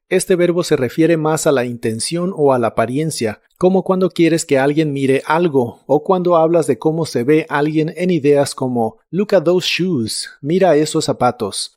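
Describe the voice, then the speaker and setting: Calm man teaching an English lesson. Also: on the high side, dry recording, clean studio sound. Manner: slow, even explanation with repeated example words. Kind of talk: scripted language lesson.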